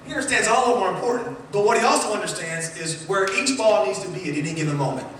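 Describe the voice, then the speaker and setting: A man preaching a sermon in a church, playful and animated, joking with the congregation as he talks. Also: sits high, fast, slight background noise. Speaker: pastor. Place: church sanctuary. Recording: roomy echoing church hall, mic at a distance.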